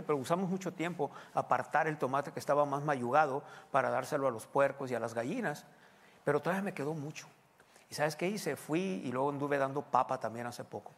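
A man's voice: mid-range voice, big-room sound. A male pastor preaches a sermon in a church. He talks to the congregation conversationally and often asks them questions.

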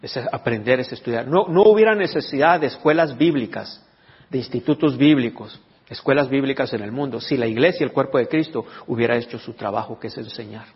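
A man's voice: medium pitch, brisk, husky. A man preaching a sermon as a pastor, teaching and asking his congregation questions. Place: church hall. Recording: dull recording with long reverb.

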